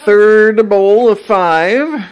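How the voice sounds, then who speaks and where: A woman's voice: mid-range voice, drawn-out words, darkish tone, smooth, soft background music. A woman hosting a family taste test on a casual home video, announcing things repeatedly like a game-show host. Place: home dining room with family around a table. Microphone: handheld phone camera.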